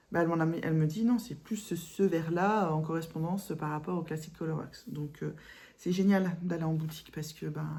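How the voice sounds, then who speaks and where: A woman's voice: fairly low pitch, mellow. A woman chatting casually in a vlog about her embroidery, rambling with many fillers and restarts and sometimes dropping to a whisper. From France. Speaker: cross-stitch vlogger.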